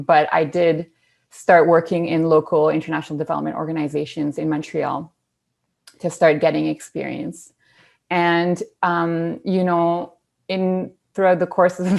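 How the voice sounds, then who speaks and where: A woman speaks as an interview guest in a measured, reflective manner. Her voice sits low and stays fairly flat, with plenty of vocal fry. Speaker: guest, academic researcher. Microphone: online call.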